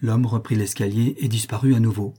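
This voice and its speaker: Mellow, husky male audiobook narrator. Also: lowish voice, steady tone, fairly quick. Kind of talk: scripted narration of a historical novel.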